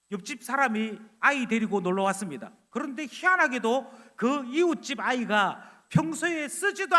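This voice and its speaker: Animated, high-voiced preaching man. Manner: animated, loud, acting out dialogue. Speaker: pastor. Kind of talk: sermon. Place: church sanctuary. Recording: long church hall reverb.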